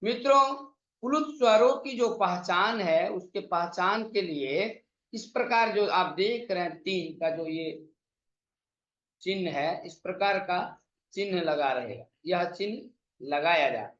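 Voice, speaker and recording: A man teaching an online exam-prep lesson, drawing out vowel sounds slowly and reciting verses in a chanting lilt. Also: high-pitched, lively intonation, fairly bright tone. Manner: slow, drawn-out vowel demonstrations. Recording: echoey, slightly dull sound.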